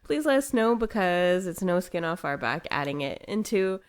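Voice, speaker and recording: A woman's voice: fairly low pitch, sing-song, moderate pace, clear, resonant tone. A woman co-hosting a podcast in casual chat, chatty and laughing often. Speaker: podcast co-host.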